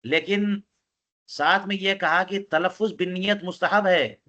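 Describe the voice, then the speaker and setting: A man with a somewhat high voice teaching a classical religious text. He reads Arabic passages aloud and explains them line by line, stopping often to put questions to his students. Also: steady tone, bright, forceful tone, highs cut off.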